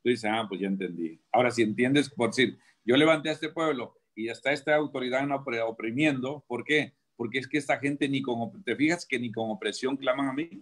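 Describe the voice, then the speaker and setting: A man speaks in a husky, somewhat breathy voice at an ordinary male pitch. He preaches in conversation from a radio studio, emphatic and full of rhetorical questions. His sentences often restart midway as he drives his point home. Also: a little fast, few pauses, a bit bright. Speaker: prison preacher.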